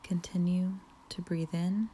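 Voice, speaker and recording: A woman leading a guided relaxation meditation, speaking softly with frequent whispered phrases and long pauses. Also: on the low side, fairly even intonation, slight background noise. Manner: slow, soft, partly whispered, soothing pauses.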